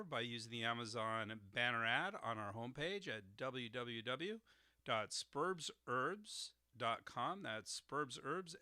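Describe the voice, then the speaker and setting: Guy hosting a herb podcast, really bright forceful voice, dry close sound, spells stuff out, lots of uhs. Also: medium pitch, no room sound. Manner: explanatory, spells out words and tones with frequent uhs. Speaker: podcast host explaining herbal formulas. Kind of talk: solo educational podcast.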